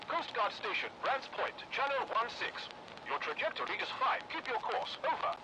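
A coast guard guy on marine radio, highish voice that swings around, heavy noise. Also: very animated, normal speed. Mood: calm. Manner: formal radio procedure. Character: calm male coast guard radio operator. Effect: marine radio transmission. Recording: distant radio with loud noise.

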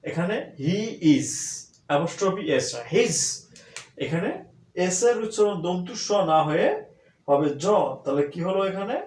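A man with a Bangladeshi accent who teaches English, drilling example phrases by saying them over and over, loud and drawn out. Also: sits high, expressive, a little slow. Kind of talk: spoken English lesson. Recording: echoey room.

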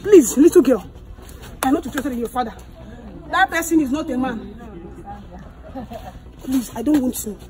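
High, shrill indignant woman. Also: expressive, moderate pace, pauses often, some chatter behind. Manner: indignant, loud scolding with sharp swings. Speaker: comic actor. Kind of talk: comedy skit acting.

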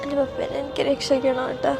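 A young woman speaking through tears in a high, flat, creaky voice, distressed and pleading. She stands outdoors in front of a hospital at night, with music under her words. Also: fast talker. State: tearful. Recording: music playing behind the voice.

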